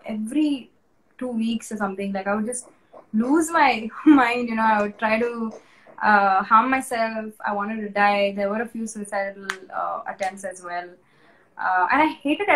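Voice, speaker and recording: A young woman with an Indian English accent, a guest in an interview, shares her personal testimony earnestly, emotionally and candidly, with restarts and soft laughs. Her voice is a little high, and the audio quality is poor.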